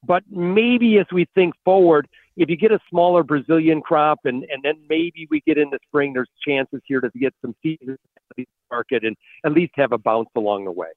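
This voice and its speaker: A man's voice: a little high, animated, no room sound. Man on a buzzy, glitchy phone line. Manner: halting, with frequent repeated words. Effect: buzzy, glitchy phone call audio that breaks up. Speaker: farm market analyst guest. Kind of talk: call-in radio interview. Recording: dry, tinny phone line.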